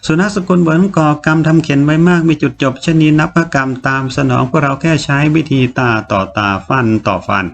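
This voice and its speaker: Guy reading a novel out dramatically, kinda high voice, little hiss behind. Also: animated, brisk, creaky, few pauses. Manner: dramatic reading, voicing each character himself. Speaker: audiobook narrator. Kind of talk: scripted novel narration with character voices.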